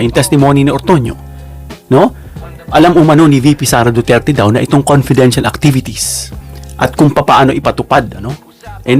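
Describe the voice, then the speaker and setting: A man giving casual political commentary as a vlogger, chatty and emphatic, often checking in with his viewers. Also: medium pitch. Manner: chatty, repeats "no?" and addresses viewers; slow and emphatic on key words.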